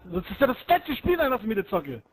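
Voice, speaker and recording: A man raging and yelling during an online shooter match, swearing and taunting his opponents nonstop. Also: high voice, huge pitch swings, fast talker, a little hiss or hum, poor audio. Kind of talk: screaming gaming rant.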